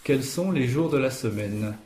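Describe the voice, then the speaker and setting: A man's voice: medium pitch, lively intonation, moderate pace, a little mellow, roomy sound, a little hiss or hum. A man teaching a language lesson, explaining grammar patiently step by step. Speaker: Esperanto teacher.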